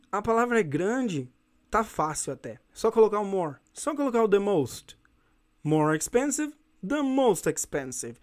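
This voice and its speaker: A Brazilian man, a native Portuguese speaker, teaching an English grammar lesson in a casual, friendly way. He checks in with his listeners often and reads the English examples slowly. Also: high-pitched.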